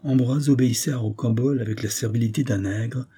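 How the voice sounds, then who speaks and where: Brief: steady male audiobook narrator, husky and mellow. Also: medium pitch. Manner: steady, measured storytelling. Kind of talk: audiobook reading of a classic novel.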